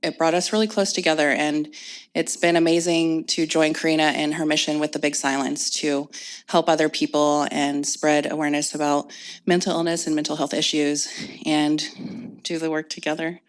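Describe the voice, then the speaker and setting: A woman from Indianapolis speaking to a live audience, then reading her own poems in a slow, measured way. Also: sits low, flat delivery. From Indianapolis, United States. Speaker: poet reading her work. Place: event space with an audience.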